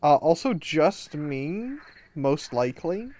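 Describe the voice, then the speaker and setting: A man's voice: a little high, sing-song, slow pace, a little mellow, a little hiss or hum. A tired man rambling casually and self-deprecatingly to his live stream chat, a little under the weather. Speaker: game streamer.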